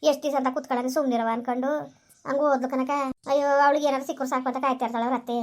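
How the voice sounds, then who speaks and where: Woman as village mother: high, rapid, scolding and tender, hobby drama. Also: level tone, lightly acted. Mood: sorrowful. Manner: fast, scolding, emotional.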